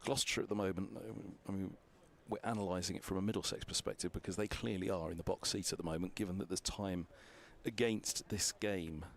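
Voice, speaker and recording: Gravelly-voiced cricket commentator. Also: male voice, sits low, steady tone, fast, few pauses. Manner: chatty, thinks aloud with fillers. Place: commentary box on a balcony above the ground.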